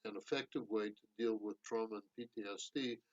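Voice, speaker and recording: A man's voice: on the low side, steady tone, fairly quick, a little mellow, dull audio. A man in a video call discussion, talking hesitantly with many fillers and restarts. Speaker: discussion participant.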